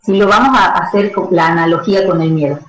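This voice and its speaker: A woman's voice: on the low side, fast, roomy sound, slight background noise, low-quality recording. A woman giving expert advice as a radio interview guest, explaining with everyday analogies. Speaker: stress management educator.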